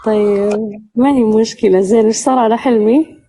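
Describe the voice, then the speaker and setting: A woman's voice: fairly high pitch, fairly even intonation, brisk, warm tone, slight background noise. A woman from the Qassim region with a Najdi accent, asking blunt questions as a caller in a casual live chat. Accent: Najdi Saudi Arabic. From Qassim region, Saudi Arabia. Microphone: phone on a live stream.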